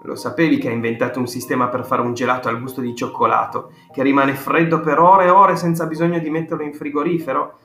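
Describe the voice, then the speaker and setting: A man voicing an excited ninety-six-year-old grandfather who tells stories with eager, emphatic exclamations, in a roomy audiobook recording with faint guitar music. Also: medium pitch, fast, hardly any pauses, voice pushed up. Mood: enthusiastic.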